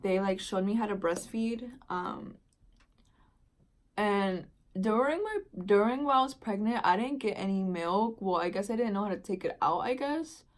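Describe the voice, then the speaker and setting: A woman's voice: mid-range voice, a little hiss or hum. A young woman vlogger casually telling a long personal story, rambling with lots of filler words and slang. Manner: rambling, heavy use of "like" and "dude".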